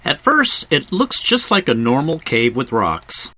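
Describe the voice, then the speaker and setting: A bright-voiced, animated male narrator delivers scripted voice-over for a travel video, explaining like an informal tour guide in a conversational style with wry asides. He speaks mid-range at a measured pace, with no room sound, on a close voice-over mic recorded apart from the cave.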